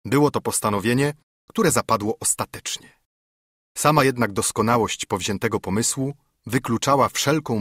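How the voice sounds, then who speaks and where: A man narrating an audiobook in a measured, formal way. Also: on the low side, a bit bright, husky, no echo, studio quality.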